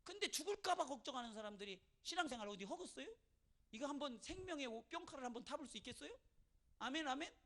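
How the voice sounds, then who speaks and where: A male pastor delivers a sermon in church, his voice bright and pushing forward. He tells stories quietly, then swells into loud preaching. He draws the congregation in with repeated calls for an amen. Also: very high voice, lively intonation, fast talker. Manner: call-and-response, asking the congregation for amen; moves from soft storytelling to loud preaching.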